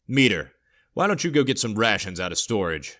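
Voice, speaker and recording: A man's voice: lowish voice, sing-song, fairly quick, sharp tone. A man doing a curt commanding crew boss. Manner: curt, barking orders.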